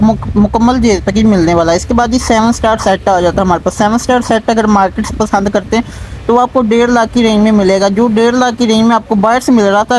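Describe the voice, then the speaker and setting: A man hosting a showroom sales video, delivering a repetitive pitch that keeps stressing low prices. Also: darkish tone, slight background noise, poor audio. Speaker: YouTube channel host.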